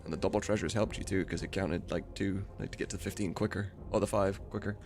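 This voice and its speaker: Over background music, a man with a low, steady voice talks fast while livestreaming his work. He's a livestreamer and game modder, chatting casually with viewers and muttering to himself as he goes.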